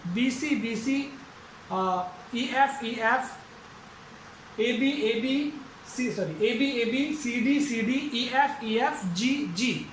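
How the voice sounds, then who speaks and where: A man's voice: extremely high pitch, drawn-out words, echoey room, a little hiss or hum, low-quality recording. A man teaching an English lesson, going through it methodically and repeating each step aloud. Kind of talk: explaining a lesson.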